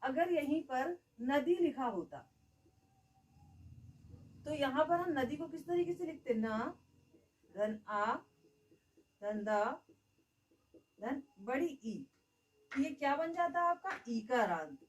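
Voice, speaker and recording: A woman's voice: high-pitched, lively intonation, slow, long pauses, far from the mic, poor audio. A woman teaching a grammar lesson. She keeps asking the class questions and answering them herself, and she says "okay" often.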